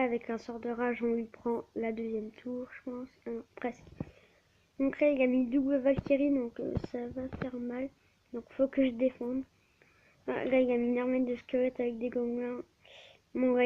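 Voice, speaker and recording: A woman's voice: on the high side, little pitch movement, normal speed. A woman giving live gameplay commentary on her channel, often stammering and restarting words, recorded on a tablet mic. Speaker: gaming channel host. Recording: dull lo-fi with faint hiss.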